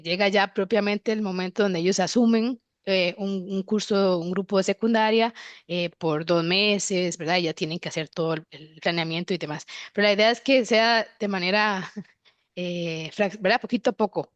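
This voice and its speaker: A woman's voice: medium pitch, normal speed, no room sound, muffled recording. A woman presenting a workshop, explaining patiently and checking in often over a video call. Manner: explanatory, says "¿verdad?" often. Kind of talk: workshop discussion.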